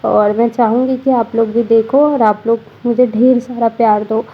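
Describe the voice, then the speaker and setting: Tired young woman vlogger, husky. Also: fairly high pitch, flat delivery, normal speed, narrow, tinny audio. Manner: chatty, frequent fillers like 'matlab'. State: tired, slightly congested. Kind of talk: casual voice-over narration. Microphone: voice-over recorded separately.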